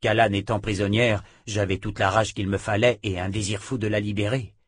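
A man voicing a resolute young swordsman who explains calmly. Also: on the low side, a little fast, dry recording, close to an everyday voice.

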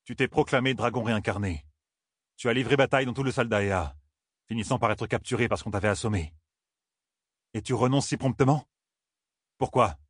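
A man voicing a young male hero in an audiobook, stern and commanding, rising to shouts when angered. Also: mid-range voice, normal speed, pauses often, slightly rough, dry recording, studio quality, natural voice. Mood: suspicious.

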